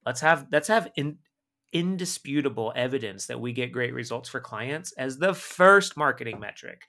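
A man's voice: mid-range voice, normal speed. A man being interviewed on a podcast, talking emphatically and often ending points with "right?". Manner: energetic, emphatic, frequent "right?" tag questions. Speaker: guest marketing expert.

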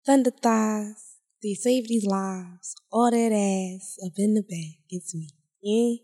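A woman's voice: medium pitch, slow, mellow. A woman co-hosting a podcast who trades playful, laughing banter in casual chat. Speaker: podcast co-host.

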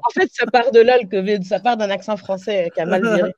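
A woman from France with a French accent, calling in to a podcast over a video call, playful and quick to laugh. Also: medium pitch, a little mellow, no room sound, lo-fi sound. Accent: French from France with Québécois touches. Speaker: caller. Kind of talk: casual call-in chat.

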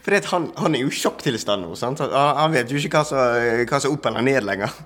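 A man, a talk-show guest, telling his story in an animated way with many fillers and restarts. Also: medium pitch. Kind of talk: testimony in a talk-show interview.

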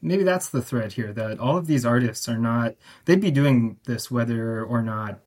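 A man's voice: medium pitch, lively intonation, moderate pace, a little mellow. A man, a music festival curator, speaking as a guest on a radio interview, thoughtful and hesitant with many fillers.

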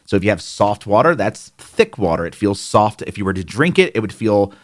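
A man's voice: fairly low pitch, very animated, a little fast. A man with a New Jersey accent explaining hot tub care in a conversational, plainspoken way, with fillers and asides. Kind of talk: instructional explainer.

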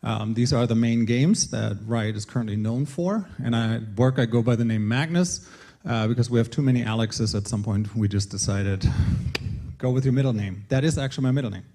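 A middle-aged games creative director from northern Germany, speaking with a German accent, gives a personal talk to a conference audience. His medium-pitched, warm voice moves a little fast as he tells his own story earnestly, with light self-deprecating humour.

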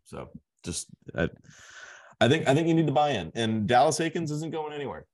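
A man's voice: fairly high pitch, very animated, a little fast, darkish tone. A man co-hosting a casual sports podcast, making his points emphatically and repeating words as he builds them. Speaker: podcast co-host.

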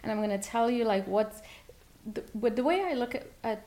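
A woman from Guyana, a real estate agent, talking as a guest in an interview with energetic, quick restarts. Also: a little high.

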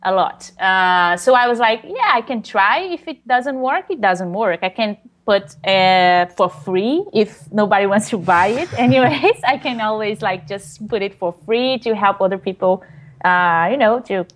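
Speaking English as a non-native with a Brazilian Portuguese accent, a Brazilian woman appears as a guest author and responds to interview questions in a relaxed, hesitant way packed with fillers. She has an expressive, unhurried mid-range voice.

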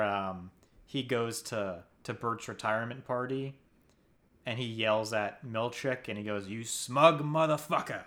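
A man hosting a casual chat about TV awards, earnest and quick to laugh, with hesitant fillers. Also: medium pitch, pushed and bright. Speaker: podcast host.

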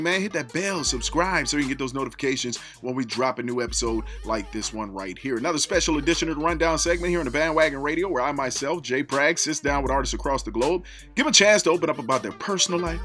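Man, radio show host, bright tone, casual hype, rambling questions, faint music behind. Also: medium pitch, lively intonation. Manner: hyped, drawn-out questions with many fillers.

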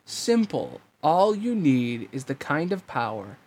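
A sly and manipulative young man, as a male reader puts him on, quietly coaxing with a persuasive edge. He speaks in the reader's ordinary register. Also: fairly high pitch, sing-song, slow pace, full character voice.

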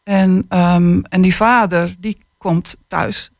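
A woman author, a guest on a radio show, speaking in a measured, somewhat hesitant way and reading from her book. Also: fairly low pitch, fairly even intonation, vocal fry, no echo, studio quality. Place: radio studio. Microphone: studio microphone.

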